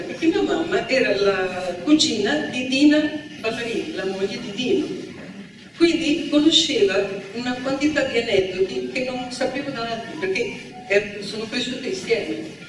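A woman's voice: a little high, lively intonation, moderate pace. A woman author talking about her book at a presentation, rambling with many hesitations. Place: large event hall. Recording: echoey hall, distant mic, audible noise.

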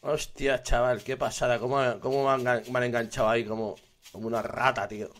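A man with a Spain Spanish accent giving live gameplay commentary, excitable, swearing constantly and laughing often. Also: mid-range voice, brisk. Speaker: gaming streamer.

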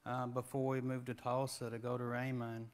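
A man's voice: mid-range voice, monotone, a little fast, clean tone. A man, preaching a sermon in a folksy, conversational way with rising emphatic questions, in a church sanctuary on a lapel mic. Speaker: guest preacher.

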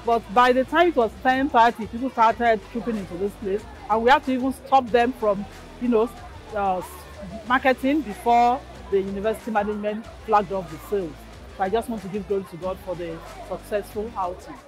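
Nigerian woman dean, measured interview. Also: medium pitch, soft background music, rough recording. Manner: measured, with frequent fillers. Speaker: faculty dean. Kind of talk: on-camera interview. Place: outdoor market on campus.

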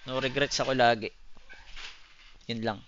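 A man's voice: mid-range voice, fairly even intonation, measured pace, a bit bright, lo-fi sound, a little hiss or hum. A man chatting loosely with his live-stream viewers, swearing often and calling them buddy. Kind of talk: casual live-stream chat answering viewers.

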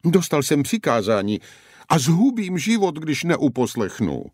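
A man's voice: on the high side, big pitch swings, darkish tone, no room sound, clean studio sound, voice pushed up. A man voicing a fearful peasant gatekeeper in an audiobook, with a cracked voice and a wailing, begging manner. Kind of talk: audiobook character voice.

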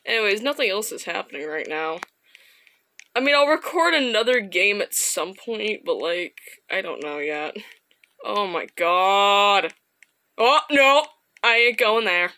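A woman's voice: mid-range voice, lively intonation, measured pace, pushed and bright. A woman commenting on a horror game as she plays, often breaking into panicked screams and shrieks, her voice strained from all the screaming. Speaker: gaming video host.

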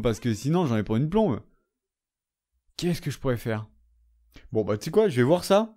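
A man's voice: mid-range voice, darkish tone. A young man giving casual gameplay commentary, chatting to the characters on screen and swearing in jest. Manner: chatty, talks back to game characters, swears jokingly. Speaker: let's play gamer.

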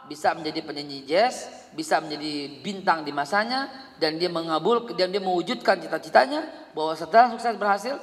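A middle-aged man, preaching a sermon and telling animated stories about his family. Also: high voice. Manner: animated storytelling, quoting family dialogue; sings snatches of a song. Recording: long hall reverb.

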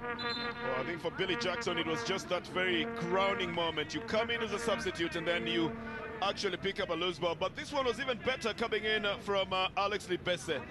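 A man with a Kenyan accent giving live football commentary in measured, descriptive phrases. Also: high voice, loud music behind the voice.

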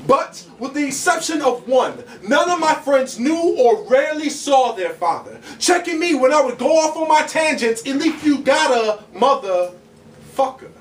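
A young man with an extremely high voice performs a spoken word poem on a small bar stage, animated but unhurried, his delivery rhythmic and emphatic with big arm gestures. A stand mic picks him up, but the camera sits far away, so the sound carries a roomy, distant echo.

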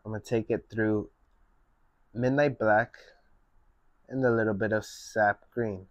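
A young man giving a relaxed, step-by-step painting lesson at his easel. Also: fairly low pitch, no echo. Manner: slow, relaxed step-by-step instruction. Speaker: painting instructor. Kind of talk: painting tutorial.

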